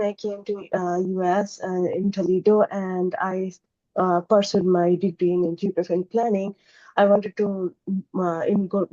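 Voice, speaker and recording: A woman from Bangladesh presents her research over a video call while recovering from flu. She speaks at a middle pitch and in a halting way, filling gaps with "uh". The sound is dull and dry. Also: dark tone, no room sound. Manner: halting, many fillers. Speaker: doctoral student presenter. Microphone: video call microphone.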